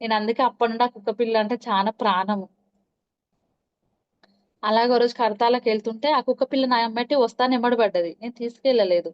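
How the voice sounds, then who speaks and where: Woman telling stories, smooth voice. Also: fairly high pitch, fast. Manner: storytelling with many acted quotes and restarts. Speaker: meditation practitioner interviewed. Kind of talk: recounting personal spiritual experiences. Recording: dull lo-fi recording.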